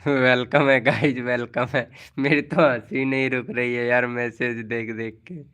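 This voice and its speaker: A man's voice: medium pitch, level tone, measured pace, fairly bright tone, clean tone. A man hosting a casual live stream, playfully teasing viewers as he reads their messages. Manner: playful, teasing, chuckling often.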